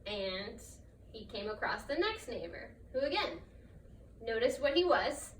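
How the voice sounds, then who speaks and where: A woman's voice: on the high side, big pitch swings, a little slow. A woman storyteller narrating a trickster folktale in her own improvised words. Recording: roomy, distant mic, faint noise.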